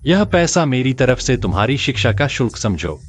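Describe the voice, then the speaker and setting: A man's voice: mid-range voice, very animated, moderate pace, close to an everyday voice. A man playing a cocky teasing young hero. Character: cocky young man, broke, wisecracking bodyguard. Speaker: brash hero. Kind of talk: dubbed drama acting.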